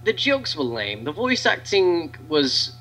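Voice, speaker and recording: Bright, stammering young man. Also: on the high side, very animated, slow, rough recording. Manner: stammering, many restarts and fillers. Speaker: interview guest, fan video maker. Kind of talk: casual interview chat.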